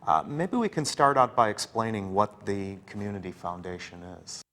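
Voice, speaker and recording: A man's voice: fairly low pitch, animated, normal speed, a bit bright, in a large hall. A man hosting a public-affairs interview, prompting his guest with friendly questions. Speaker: interview host.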